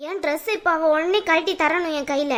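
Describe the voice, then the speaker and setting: A jealous, sharp-tongued young cartoon woman, voiced by a woman. Her voice sits high and she talks in scolding demands. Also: fairly even intonation. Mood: angry. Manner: scolding, demanding, quick to anger. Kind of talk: cartoon voice acting.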